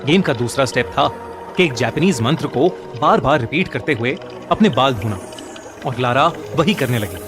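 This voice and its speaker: A man's voice: mid-range voice, lively intonation, moderate pace. A man narrating a scripted horror story in a dramatic storytelling manner. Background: music.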